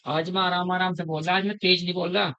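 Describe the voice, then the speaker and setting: A middle-aged man teaching a chemistry class, slowly repeating terms, quizzing his students and calling them "beta". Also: sits high, level tone, creaky, bright, forceful tone, smooth, muffled recording. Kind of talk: classroom lecture.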